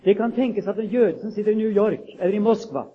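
A man's voice: high voice, steady tone, slight background noise. A man preaching a sermon, reading scripture solemnly and building to emphatic, raised declarations. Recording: tinny lo-fi phone-like recording.

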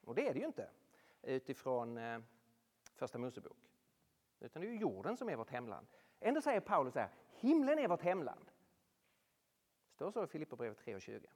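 Casting: lively preacher, big pitch swings, long hall reverb, sermon to an audience. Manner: animated, rhetorical questions, swings between loud and hushed. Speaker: speaker addressing a Norwegian audience.

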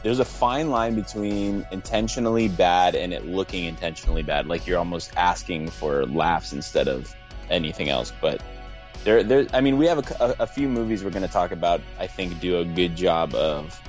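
Deep-voiced male co-host. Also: normal speed, faint music behind. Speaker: podcast co-host. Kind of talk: casual podcast chat.

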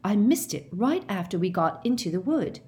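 A woman's voice: mid-range voice, big pitch swings, moderate pace, mellow, pitched above the performer's own voice, natural voice. A woman voicing an earnest teenage boy wizard who speaks plainly and directly.

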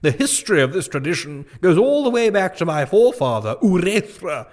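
A man's voice: sits high, very animated, fairly quick. Pompous, bumbling king, wildly swooping. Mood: pompous, grandiose. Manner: wordy, pompous, dithering. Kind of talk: comic audio drama acting.

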